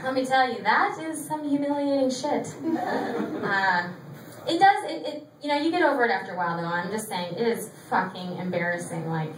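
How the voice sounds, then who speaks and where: A woman's voice: a little high, fairly quick. A thirty-year-old woman doing a confessional, self-mocking stand-up set, cursing freely. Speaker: stand-up comedian. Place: small theatre stage with audience laughter. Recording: echoey room recorded from a distance, noisy.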